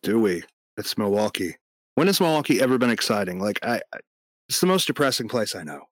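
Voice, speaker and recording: A man co-hosting a podcast with casual, sardonic, deadpan banter. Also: on the low side, brisk, dry recording, studio quality. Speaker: podcast co-host.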